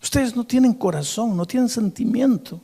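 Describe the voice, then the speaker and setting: A man voicing an angry, grieving father who shouts bitterly and then pleads brokenly. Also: very high voice, animated, normal speed, slightly rough, pitched above the performer's own voice, exaggerated voice. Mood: anguished outraged. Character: grieving enraged father, middle-aged man.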